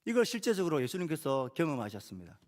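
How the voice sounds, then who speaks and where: Measured preaching man. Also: a little high, sing-song. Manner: measured, lifting emphasis on key phrases and falling softly at sentence ends; asks the congregation rhetorical questions. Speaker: pastor. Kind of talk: sermon.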